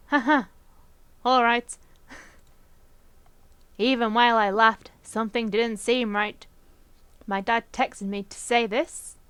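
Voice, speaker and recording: A woman's voice: a little high, a bit bright, smooth, no room sound. A young woman hosting a let's play, reading a visual novel aloud in a playful, chatty way with frequent giggles. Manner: playful, giggly, chatty asides between narration.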